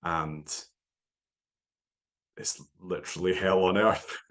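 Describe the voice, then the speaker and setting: A man speaking as a podcast guest, telling stories in a relaxed, animated way and often ending points with "right?". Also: deep voice, extremely slow. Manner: animated storytelling, frequent "right?" tags. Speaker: podcast guest, endurance runner. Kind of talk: casual conversation.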